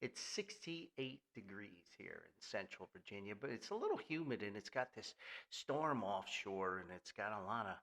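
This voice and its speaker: An older man from New Jersey delivers a loose solo podcast monologue with sponsor reads, folksy and jokey, rambling with theatrical emphasis. He speaks at normal speed in a fairly low, fairly bright voice with big swings in pitch.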